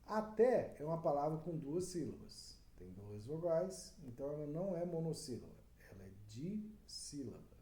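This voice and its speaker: A man teaching Portuguese for exam prep with a Brazilian accent, walking through answers slowly and deliberately, counting syllables aloud. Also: fairly high pitch, big pitch swings, warm tone. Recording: roomy echo with faint background noise.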